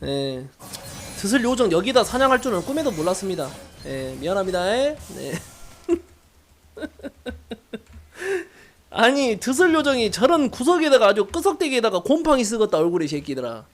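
A man's voice: high voice, very animated, a little fast, a little hiss or hum. A man streaming a mobile game, giving brash casual commentary, swearing and teasing his viewers.

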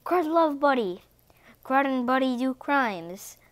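A woman voicing a dim, gruff male cat villain who talks in blunt, broken caveman grammar in a read-aloud storybook. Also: sits high, expressive, slow pace.

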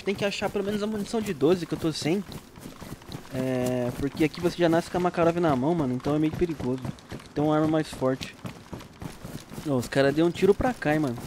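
A man's voice: on the high side, noisy background. A young man with a Brazilian Portuguese accent giving casual, slangy gameplay commentary and laughing often. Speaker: gameplay streamer.

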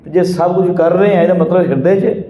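Man, Punjabi accent, Sikh preacher, sermon, slow half-sung verses, mellow voice, echoey room. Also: sits high, steady tone, a little hiss or hum. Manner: slows and half-sings quoted verses, then explains them plainly. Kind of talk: sermon with chanted scripture.

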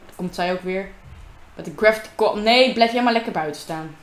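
A woman's voice: medium pitch, brisk, roomy sound. A woman chatting casually to herself and her viewers as she plays a game at home, recorded on a desk microphone. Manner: chatty, talks to herself and viewers while playing. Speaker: gamer narrating her own gameplay. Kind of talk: casual gameplay commentary. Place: room at home.

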